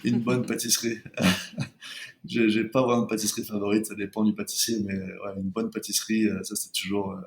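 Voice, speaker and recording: Hesitant man with a low voice. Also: level tone, a little fast. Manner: hesitant, many restarts and fillers. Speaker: chocolate brand co-founder, guest. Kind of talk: casual interview talk.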